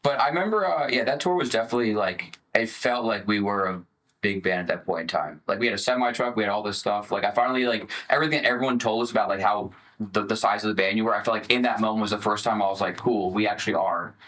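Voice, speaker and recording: A man's voice: fairly low pitch, quick pace, a bit bright, rough recording. A man in a band, chatting casually with bandmates and filling his talk with "like.". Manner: rambling, lots of "like" fillers. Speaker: band member. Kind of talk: casual group chat.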